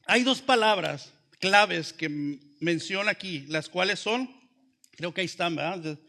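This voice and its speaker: A man's voice: sits high, a little slow, sharp tone. A man preaching a sermon in a conversational way, asking many rhetorical questions and addressing the congregation as brothers. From Mexico. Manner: often addresses listeners as brothers.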